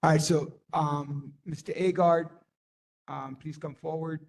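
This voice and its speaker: A man chairing a community board meeting, halting and full of ums as he calls people forward and runs a vote. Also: a little high, steady tone, creaky, slight background noise. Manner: halting, many ums and restarts.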